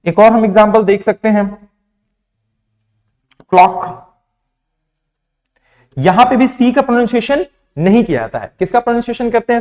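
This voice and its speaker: A young man from India gives a classroom lesson on pronunciation. His voice sits high and moves a lot as he quizzes his listeners and answers for them. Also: a little mellow. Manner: asks questions then answers them himself, mixing Hindi and English. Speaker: teacher.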